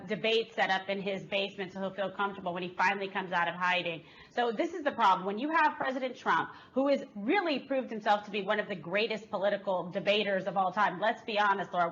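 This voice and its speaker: A woman's voice: medium pitch, a bit bright. A woman with a mid-range voice speaks on a political talk show as a guest, emphatic and scornful. The sound comes through dull and lo-fi. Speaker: panel guest. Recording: dull lo-fi stream audio.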